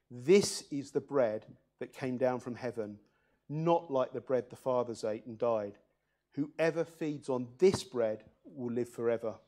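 A man's voice: medium pitch, darkish tone. A man preaching a church sermon, reading scripture aloud and putting earnest questions to the congregation.

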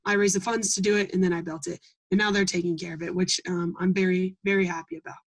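A woman's voice: fairly low pitch, flat delivery, fast talker, rough recording. Earnest young woman, rambling answers. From Iowa. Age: young adult. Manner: earnest, rambling, many ums and restarts. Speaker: interviewee, Gold Award scout. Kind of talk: casual interview answers.

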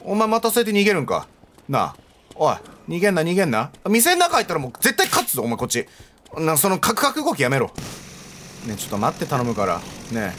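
A man commentating his gameplay, joking and yelling at characters on screen. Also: on the high side, quick pace, a little hiss or hum. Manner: animated, joking, talks back at the screen. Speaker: let's play streamer. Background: game music.

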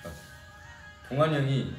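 A man's voice: medium pitch, big pitch swings, brisk, soft background music. A young man from Korea's Jeolla region, chatting casually with fans on a livestream and answering their comments. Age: young adult. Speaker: idol singer hosting a fan livestream. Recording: echoey room, distant mic.

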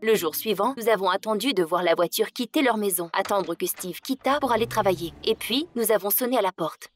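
A woman's voice: medium pitch, brisk, soft background music. A woman narrating a first-person story in an emotional, dramatic way. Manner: dramatic, emotional delivery that rises in tense moments.

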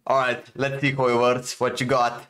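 A man in his twenties hosts a video, reacting with casual, slangy excitement full of exclamations. He is recorded close up indoors in a home gaming room. His mid-range voice is monotone and fairly bright, at a moderate pace.

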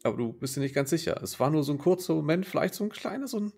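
A man narrating as game master in a tabletop role-playing game over a video call, often pausing to search for words. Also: a little high, lively intonation, creaky, darkish tone, breathy edge.

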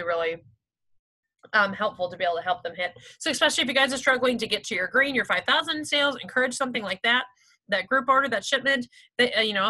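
A woman in her thirties runs a sales team meeting in an upbeat, chatty way, peppering her talk with "like" and "okay". Her voice sits high and sounds bright. She keeps pushing her team toward their goals. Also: low-quality recording.

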